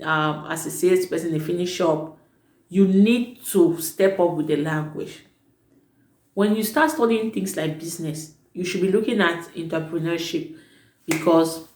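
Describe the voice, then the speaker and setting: In an echoey room, a woman with a fairly low, darkish voice offers casual advice on her vlog to would-be students. She teaches at an international school and talks in a chatty, emphatic way, often correcting herself mid-sentence.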